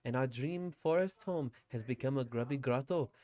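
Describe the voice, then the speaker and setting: A man voicing a proud sibling confectioner from the woods in a put-on German accent, reading game dialogue in a theatrical, drawn-out way. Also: medium pitch, warm tone, natural voice. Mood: grandly earnest. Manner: theatrical, drawn-out storybook delivery.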